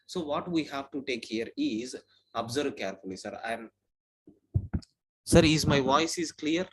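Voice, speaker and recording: A programming instructor teaches an online class from his own mic at a computer, walking through every step and repeatedly addressing his listeners as "sir." His husky voice is medium-pitched with lively intonation and a slightly slow pace, and the recording quality is low.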